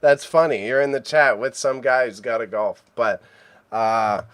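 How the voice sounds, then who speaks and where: Streaming live from home, a Canadian man in his thirties mutters over his photo edits before chatting casually with his audience. He speaks at a measured pace in a clear, resonant, mid-range voice that's a bit bright, with no echo.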